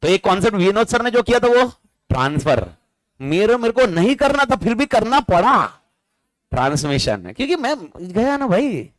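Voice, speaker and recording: A male teacher giving a lively classroom lecture, bantering and firing questions at his students. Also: high-pitched, normal speed, no room sound, low-quality recording.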